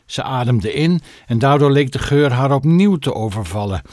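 A man narrating a children's audiobook in an expressive storytelling manner. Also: medium pitch, normal speed, dry recording, clean studio sound. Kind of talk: scripted narration.

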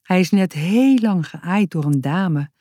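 A woman's voice: fairly low pitch, expressive, takes it slowly, dark tone, no room sound, studio quality. A woman doing a kindly, scheming grown man. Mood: friendly.

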